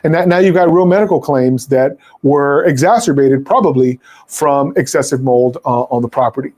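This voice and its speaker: A man's voice: mid-range voice, dark tone. A male attorney answering viewer questions in a conversational way, with frequent fillers and restarts. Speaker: landlord attorney.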